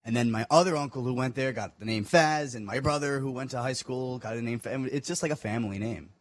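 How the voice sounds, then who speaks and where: Co-host: mid-pitched young man, easygoing storyteller, dry close mic. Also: fast talker, no room sound. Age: 20s. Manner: easygoing storyteller, explains at length. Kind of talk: casual podcast chat.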